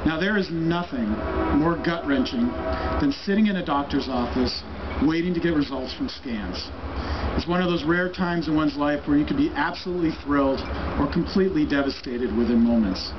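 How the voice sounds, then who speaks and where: A man delivering a prepared, acceptance-style fundraising speech in an earnest, measured way. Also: a little high, loud music behind the voice. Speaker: speaker at a cancer research fundraiser. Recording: dull, muffled audio with clear background noise.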